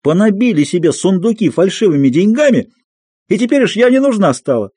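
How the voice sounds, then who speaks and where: A man reading an audiobook and voicing a furious young peasant woman who shouts and scolds. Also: medium pitch, very animated, fast talker, no room sound, clean studio sound. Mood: raging.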